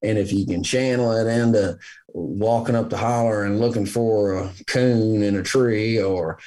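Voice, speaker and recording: Southern US male, earnest conversational storyteller, slightly deep, folksy delivery. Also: steady tone, unhurried, warm tone. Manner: folksy, earnest, repeats himself for emphasis. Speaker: hunter in conversation.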